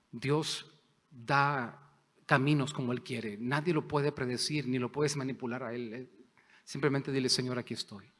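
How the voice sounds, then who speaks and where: A man preaching a sermon as pastor, impassioned, swinging between loud declarations and hushed, near-whispered prayer. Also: mid-range voice. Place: church sanctuary. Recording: long hall reverb.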